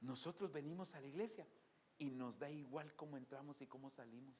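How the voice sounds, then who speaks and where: A man preaching a sermon in a church, telling stories and swinging from soft asides to loud exclamations. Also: medium pitch, fairly quick. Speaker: pastor.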